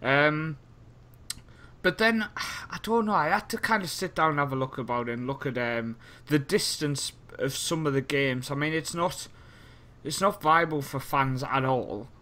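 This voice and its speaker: A man's voice: a little high, unhurried, sharp tone. Joking, rambling young European man. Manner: joking, rambling, laughs often. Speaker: podcast co-host. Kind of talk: casual podcast chat.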